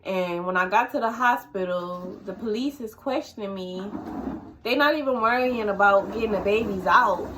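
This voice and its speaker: Shaken woman telling her story haltingly. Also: mid-range voice, noisy background. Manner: halting and emotional, many fillers and restarts. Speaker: vlogger. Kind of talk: personal storytelling to camera.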